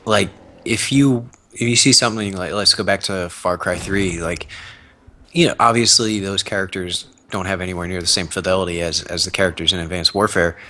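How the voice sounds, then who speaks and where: A man's voice: sits low, steady tone, a little fast, bright, forceful tone. A man on a gaming podcast, talking casually and hesitantly with many restarts.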